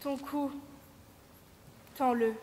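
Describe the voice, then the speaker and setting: A young woman acts a proud, grief-stricken queen in a stage tragedy. She laments slowly in a high, declamatory voice. The theater adds reverb and faint noise. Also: steady tone, darkish tone. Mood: grave, resigned. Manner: mournful, declamatory.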